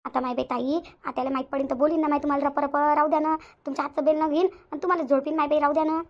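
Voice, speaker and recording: A woman plays a pleading sister-in-law in a cartoon who coaxes gently. Her voice is high and quick, on a slightly lo-fi recording. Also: level tone. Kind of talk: cartoon voice acting.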